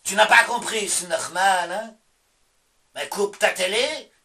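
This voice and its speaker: A man's voice: sits high, takes it slowly, bright, forceful tone. Belgian-accented male vlogger, mocking casual rant, distant from the mic. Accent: Belgian French. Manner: sarcastic, swears, talks back to himself in asides. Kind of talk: casual ranting monologue.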